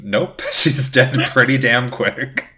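A podcast co-host chats casually about a TV series, speaking emphatically and dropping "like" constantly. His mid-range voice is bright and forceful, and he takes it slowly.

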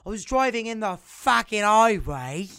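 Dude doing a cursing british-aussie-irish bloke, loud, dragged-out words. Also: male voice, high-pitched, very animated, unhurried, smooth, no echo, studio quality, pitched above the performer's own voice, full character voice. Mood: ranting. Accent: mixed British, Australian and Irish. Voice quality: loud, swearing rant. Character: rowdy foul-mouthed English-speaking bloke.

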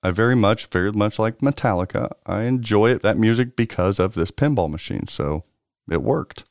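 A podcast co-host chats casually about pinball news, rambling with lots of fillers and frequent restarts. His lowish, darkish voice moves at a moderate pace in a dry, clean studio recording.

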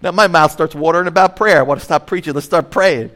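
A man preaching a sermon as pastor, emphatic, slowing on key phrases, swinging between loud and hushed, and asking the listeners direct questions. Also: fairly high pitch. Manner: emphatic preaching with wide swings in loudness and slowed stressed phrases; asks the congregation direct questions.

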